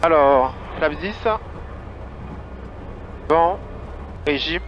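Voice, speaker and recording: Male pilot, somewhat high voice, checklist callouts, dull cockpit sound, faint engine noise. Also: very slow, a bit bright. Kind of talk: calling out flight checklists and radio calls. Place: small aircraft cockpit in flight.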